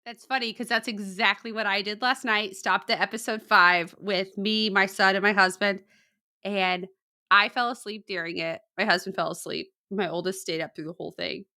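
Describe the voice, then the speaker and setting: Bright-voiced woman hosting a podcast, dry sound. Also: mid-range voice, steady tone, moderate pace, dry recording. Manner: upbeat, chatty, laughs at her own stories. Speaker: podcast host. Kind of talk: casual true crime podcast chat.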